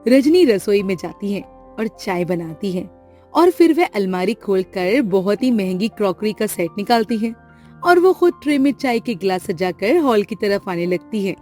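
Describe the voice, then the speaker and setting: A woman narrating an animated family story in a steady, plain storytelling way. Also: mid-range voice, moderate pace, faint music behind.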